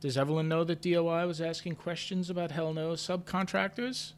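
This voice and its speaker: A man narrating a story in first person with a measured, understated delivery, lifting sharply when his character asks questions. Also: fairly high pitch, slight background noise. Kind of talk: audio drama narration.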